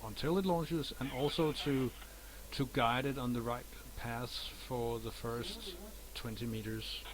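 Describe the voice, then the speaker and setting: Halting male expert amid background chatter. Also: medium pitch, low-quality recording. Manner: halting, explanatory. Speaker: expert co-commentator. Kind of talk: live explanatory commentary.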